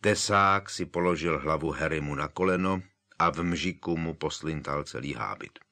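Man, audiobook narrator, very deep voice, calm even storytelling. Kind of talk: scripted narration.

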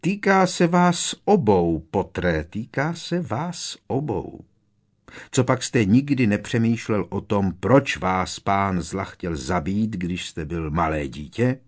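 A man reading an audiobook, voicing a cold, arrogant dark wizard with a slow, sneering drawl. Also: on the low side, expressive.

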